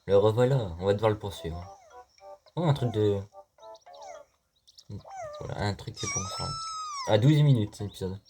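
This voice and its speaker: A man's voice: lowish voice, wildly swooping pitch, normal speed, long pauses. A man giving casual, joking gameplay commentary as a let's play host, talking to the game and viewers, with faint game music behind.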